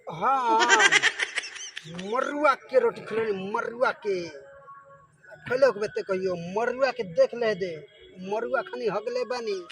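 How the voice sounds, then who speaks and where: A man's voice: very high-pitched, slow pace, music in the background, poor audio. A man playing a crude, grumbling villager in a comedy skit, exclaiming and scolding repetitively in a Bhojpuri accent.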